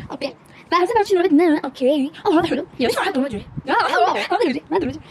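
Very high, very fast, excitable woman gamer, crowd noise in the mix. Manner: excitable, rapid, laughs often. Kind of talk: casual gameplay reaction.

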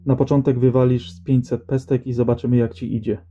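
A man's voice: mid-range voice, level tone, fast, warm tone, a little hiss or hum, natural voice. A man voicing a seasoned male rat-hunter who speaks in dry, matter-of-fact banter, in an audiobook reading. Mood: boastful. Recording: slightly dull audio with faint music.

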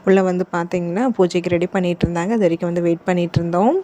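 A woman's voice: fairly low pitch, level tone, rapid-fire, mellow, a little hiss or hum. A woman narrating her family vlog in a chatty, colloquial way full of fillers. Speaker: vlogger.

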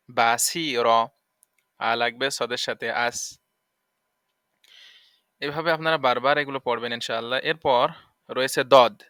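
A man teaching Arabic letters for Quran reading in a recorded lesson, drilling syllables slowly and repeatedly. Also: mid-range voice, pushed and bright, smooth, dry recording, studio quality. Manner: slow, repetitive drilling of syllables.

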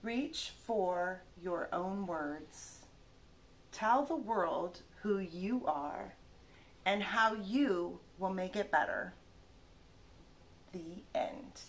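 In a small living room, a woman in her thirties reads a children's picture book aloud like a teacher, carefully drawing out and stressing each word. Her voice is mid-range with lively intonation.

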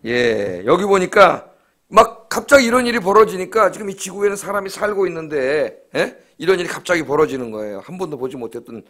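A middle-aged male pastor delivering a dawn sermon with a somewhat high voice. He preaches emphatically and keeps checking in with the congregation through quick rhetorical prompts. He is heard in a church sanctuary. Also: expressive, fairly bright tone. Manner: emphatic, asks the congregation "예?" often.

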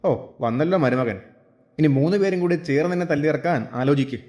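Guy reading a quarrelsome bitter woman, sharp and resentful, storybook voice. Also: a little high, fairly quick, close to an everyday voice.

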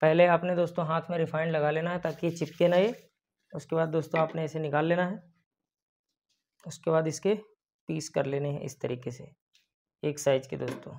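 A man's voice: on the high side, steady tone, fairly quick, long pauses, a little mellow, slight background noise. Young man talking through a baking tutorial. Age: young adult. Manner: addresses viewers as friends constantly, step-by-step instructions. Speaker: baker and cooking channel host. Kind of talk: cooking tutorial voice-over. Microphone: lapel mic. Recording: dull lo-fi sound.

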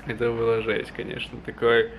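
In a small apartment room, a vlogger in his twenties chats casually to the camera, which sits at arm's length. His medium-pitched voice is creaky and completely flat, and he speaks fairly quickly, with noisy handheld audio and room ambience in the background.

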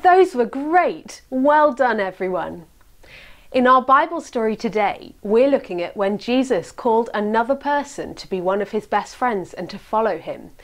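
Lively young woman leading children's church. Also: on the high side, normal speed. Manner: bright, lively, talks to children at home. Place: indoors, plain wall.

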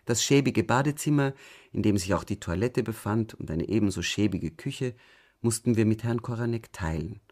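A man narrating an audiobook in a calm, measured way, often going soft at the ends of phrases. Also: lowish voice. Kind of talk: scripted narration.

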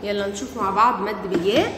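A woman with an Egyptian Arabic accent teaches primary school grammar, asking her pupils questions and praising them. Her medium-pitched voice moves fast over a noisy background, and the echoey room gives a long reverb.

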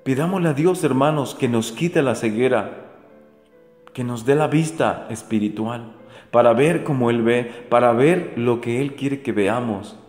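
Man preaching a daily gospel reflection, keeps repeating questions, echoey room, quiet music behind. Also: medium pitch, measured pace. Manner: earnest, repetitive rhetorical questions to the faithful.

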